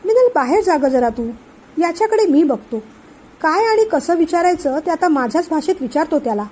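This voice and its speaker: A woman's voice: very high voice, lively intonation, normal speed, a little mellow. A woman voicing a scolding, impatient uncle. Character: stern angry middle-aged uncle.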